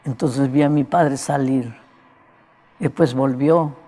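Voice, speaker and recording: With a medium-pitched, steady, mellow voice that is nonetheless cracked and broken, a male evangelist preaches in a chatty way. He frequently asks his listeners "right?" and is given to coughing.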